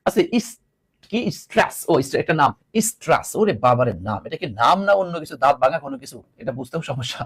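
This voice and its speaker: A man from Bangladesh teaches English grammar in a video lesson, talking fast in a slightly rough, mid-range voice. He is lively, repeats each point, asks his students rhetorical questions, and throws in teasing asides.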